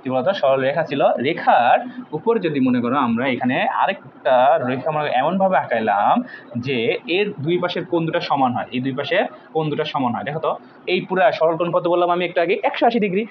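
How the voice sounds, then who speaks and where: Young male math tutor, rapid, a bit high, quizzing and repeating answers, dull lo-fi recording with faint hiss. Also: lively intonation. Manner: drills students with repeated call-and-response questions; jokey, informal and brotherly. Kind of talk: online math lesson.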